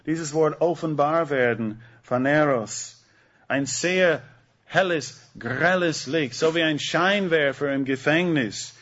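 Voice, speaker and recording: A man preaching a sermon, slow and emphatic, putting rhetorical questions to the congregation. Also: fairly high pitch, a bit bright, highs cut off.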